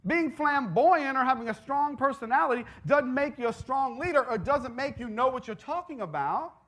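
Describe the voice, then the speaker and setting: A woman's voice: high voice, expressive, normal speed, fairly bright tone. A woman preaching a sermon, emphatic and repetitive, calling out to the congregation and stressing her key words. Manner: emphatic, repeats phrases, calls out to the congregation.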